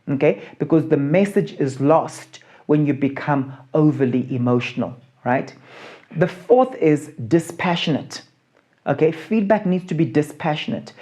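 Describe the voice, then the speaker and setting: Mellow-voiced marriage coach, emphatic. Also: mid-range voice. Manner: emphatic, repeats key points and checks in with "okay?". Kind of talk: teaching talk on giving feedback.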